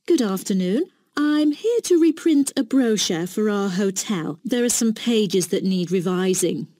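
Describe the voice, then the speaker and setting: A woman's voice: mid-range voice, lively intonation, a little slow, warm tone, no echo. A woman playing a polite, businesslike hotel customer in a scripted listening-test dialogue.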